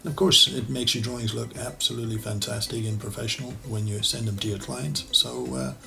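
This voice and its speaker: Voicing over a screen recording, an Irish man with a gravelly voice teaches CAD as an architectural designer and tutor. He sounds relaxed, working through things out loud and fixing his own slips, at a fairly quick pace in a mid-range voice. Music plays in the background.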